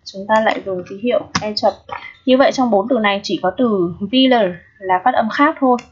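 A Vietnamese-accented woman with a fairly high voice speaks fairly quickly as she teaches, working through a middle-school English exam step by step. She is patient and often checks that her students are following. The audio is dull and lo-fi, with slight background noise.

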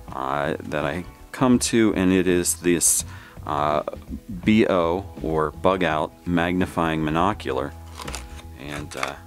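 A man casually reviewing gear he unboxes at a table, talking in a halting way with many fillers. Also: low voice. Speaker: product reviewer. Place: indoors at a table.

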